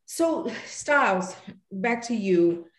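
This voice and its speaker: A woman's voice: medium pitch, lively intonation, takes it slowly. A woman host interviewing guests, encouraging and affirming. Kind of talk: casual interview. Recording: roomy, distant from the mic.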